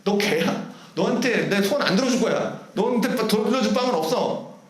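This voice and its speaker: A man's voice: high-pitched, lively intonation, normal speed. A man voicing a curt, refusing God. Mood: dismissive. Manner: curt, dismissive. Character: God, stern and refusing, ageless male. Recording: roomy church hall echo.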